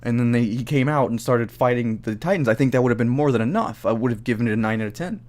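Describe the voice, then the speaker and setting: A tipsy young man giving a casual, rambling movie review, halting, swearing freely and losing his train of thought. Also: mid-range voice, darkish tone. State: drunk, tipsy. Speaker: amateur film reviewer.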